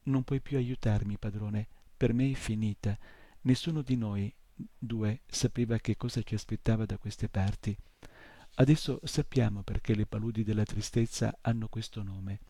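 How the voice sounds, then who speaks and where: A weary little horse who has given up, speaking softly and heavily with sorrow, as a man reads him aloud. The voice is low and dark, with a gravelly edge. It sounds close and dry, with no room around it. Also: fairly even intonation, normal speed, dry recording. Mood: sorrowful. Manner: soft and heavy with sorrow. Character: small despairing male horse, weary and sad. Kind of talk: audiobook reading.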